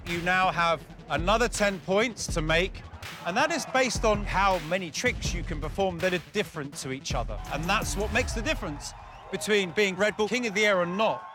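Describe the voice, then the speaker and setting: A man with a fairly high voice lays out how the competition is scored in a calm, measured way. Loud music plays under his explanation. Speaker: contest judge explaining the rules. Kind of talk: explanatory interview.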